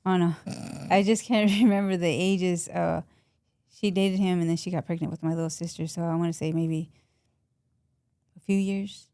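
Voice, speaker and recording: A woman from Texas, a podcast guest giving soft-spoken, short and plain answers. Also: fairly low pitch, fairly even intonation, normal speed, clear, resonant tone, dry recording, studio quality. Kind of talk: interview answers.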